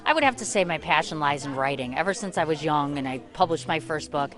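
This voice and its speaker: A woman's voice: deep voice, animated, fast talker, a crowd in the background. A woman speaking effusively and conversationally as an interview guest at an arts event. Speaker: radio host and writer, guest. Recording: faint music behind. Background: faint music at an event.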